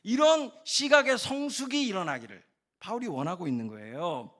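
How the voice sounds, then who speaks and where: A man's voice: high-pitched, animated, normal speed, a bit bright. A man preaching a sermon as pastor at a Wednesday prayer service, speaking emphatically to the congregation. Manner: emphatic, addresses congregation directly.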